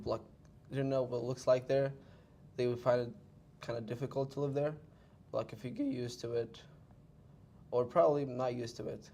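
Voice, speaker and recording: A young man from Palestine, speaking casually as an interview guest in a gravelly, flat, dark voice. A faint rumble hums underneath. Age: young adult. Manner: casual, lots of 'like'. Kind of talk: interview answers.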